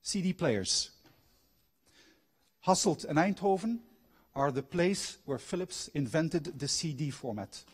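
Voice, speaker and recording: This is a husky, slightly high male voice, expressive and slow, with long pauses. The speaker is a middle-aged Belgian who grew up outside Belgium, a former factory manager and trained coach appearing as a guest lecturer. He shares personal anecdotes and quizzes his audience during a public lecture in a university hall.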